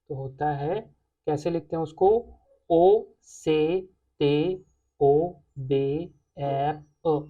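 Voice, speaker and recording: A woman teaching a language lesson, explaining patiently and pausing on "okay" between points. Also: low voice, narrow, tinny audio. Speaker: French teacher.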